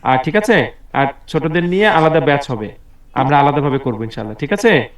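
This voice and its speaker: A man's voice: fairly high pitch, lively intonation, brisk. A man teaching an online English class over a video call, patient and encouraging as he drills words aloud. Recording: roomy, distant video call audio.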